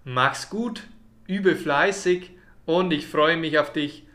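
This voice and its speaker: A man teaching German in an online video lesson, speaking clearly and deliberately for learners. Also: a little high, fairly bright tone. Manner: slow, clear teaching delivery.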